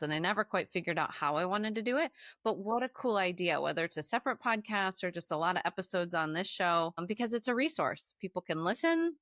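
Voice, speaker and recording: A woman's voice: lowish voice, fairly bright tone, no echo, studio quality. A woman in her forties, a life coach, talking on a podcast in an enthusiastic, affirming way. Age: 40s. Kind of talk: casual conversation.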